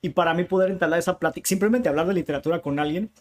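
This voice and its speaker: A man from Tijuana speaking with a northern Mexican accent, his voice sitting a little higher than most men's. He talks as a guest in a relaxed interview, a bookshop owner who spins lively stories with slangy asides. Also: racing. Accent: northern Mexican Spanish. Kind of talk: casual interview chat.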